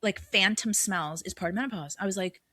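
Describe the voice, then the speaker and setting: Bright, animated middle-aged woman storyteller. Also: mid-range voice, a little fast, dry recording. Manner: animated storyteller who acts out her own past thoughts and swears freely. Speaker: podcast guest. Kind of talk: casual chat.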